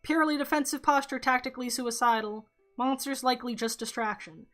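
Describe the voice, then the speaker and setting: Reading a story game aloud, a woman voices a paranoid teenage boy in a put-on robotic voice, using terse, clipped radio talk and ending each turn with "over." Her high voice is steady, brisk, and fairly bright, with faint music behind.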